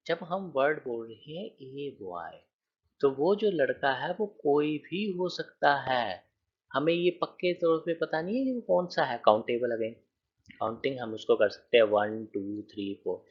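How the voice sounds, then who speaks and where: A man gives a grammar lesson in a husky voice. His pitch moves a lot as he counts through examples and checks that the class follows. The recording sounds dull and lo-fi. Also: sing-song, moderate pace. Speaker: teacher. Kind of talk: grammar lecture.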